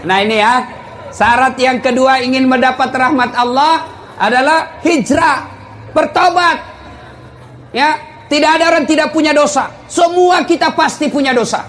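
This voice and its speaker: A man preaching a comic sermon to a live congregation, swinging between loud exclaiming and low confiding tones as he tells funny stories. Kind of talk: comedic sermon.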